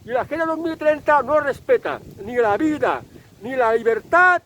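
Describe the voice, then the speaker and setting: High-voiced man giving a political monologue. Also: expressive, fairly bright tone, slight background noise, poor audio. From Spain. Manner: insistent, repetitive, pauses with fillers. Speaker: channel host.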